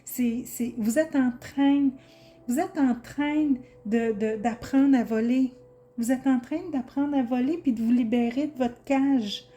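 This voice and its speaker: A woman with a Québécois French accent reads tarot cards for her viewers in a loose, chatty way, full of fillers and restarts. Her voice sits fairly high but sounds mellow and warm. She gets openly excited as she talks. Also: measured pace. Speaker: tarot reader. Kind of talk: casual tarot reading for viewers.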